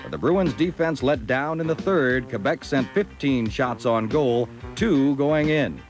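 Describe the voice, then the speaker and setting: American sportscaster over music. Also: male voice, medium pitch, a little slow. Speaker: sports announcer. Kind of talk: scripted highlight narration and hockey commentary.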